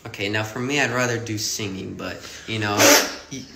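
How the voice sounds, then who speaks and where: A man's voice: lowish voice, brisk, vocal fry, echoey room, very noisy. A young man hosting a casual would-you-rather chat, joking and laughing and calling his friend bro. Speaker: vlog co-host asking questions.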